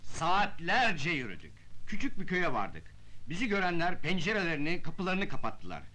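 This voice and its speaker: An actor playing a formal representative who reads documents aloud in a declamatory way, in a film drama. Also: male voice, a little high, very animated, moderate pace, pushed and bright. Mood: solemn, formal. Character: formal male representative reading out a solemn testament. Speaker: representative of a deceased foreigner.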